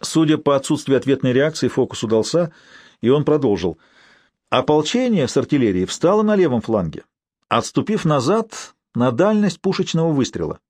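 A man's voice: mid-range voice, moderate pace, no room sound. Man narrating a story, dry close sound. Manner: even storytelling with quoted dialogue. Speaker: audiobook narrator. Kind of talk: scripted narration.

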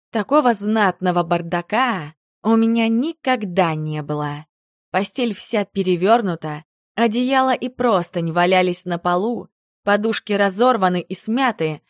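A woman's voice: mid-range voice, no room sound, clean studio sound. Woman narrating an audiobook. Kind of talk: first-person audiobook narration.

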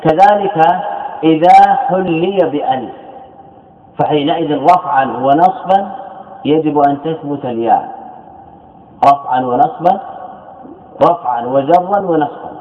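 Higher-voiced man lecturing, tinny echo. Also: a little slow, long pauses. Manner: asks questions and answers them himself, repeats key phrases. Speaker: Islamic scholar teaching grammar. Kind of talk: classroom lecture. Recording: tinny, echoey lecture recording.

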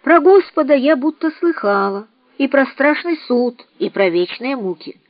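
A woman voicing a weary, bitter old woman who talks low, grim and blunt, in an audiobook reading. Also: animated, measured pace, no echo. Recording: dry, slightly dull recording.

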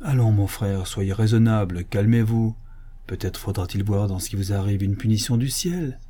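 Brief: lecturing cleric, sardonic and stern, read by a man, dark mellow tone. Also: mid-range voice, lively intonation, normal speed, husky. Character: stern, scheming male abbé, older cleric. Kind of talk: audiobook reading of a classic novel.

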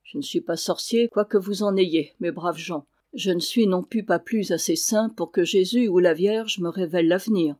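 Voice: medium pitch, normal speed, few pauses, darkish tone, no echo, clean studio sound, close to an everyday voice. A reader voicing a mischievous male dwarf who tells a tale to peasants, solemn and teasing with a mock-mysterious air. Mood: sly. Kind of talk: audiobook character voice.

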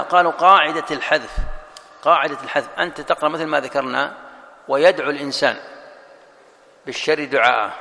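Male sheikh, lecture delivery, slightly high gravelly voice, asks and answers his own questions, echoing hall. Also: bright, forceful tone. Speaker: sheikh teaching a religious text. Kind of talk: classroom lecture explaining a text.

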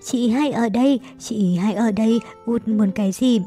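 A woman's voice: a little high, moderate pace, dark tone, soft background music, natural voice. A woman voicing a caring, anguished eldest sister from a storybook, pleading and tender with her younger siblings.

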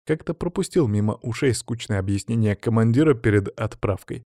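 A man narrating an audiobook in a steady, measured storytelling manner. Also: fairly low pitch, no room sound, clean studio sound. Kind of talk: scripted narration.

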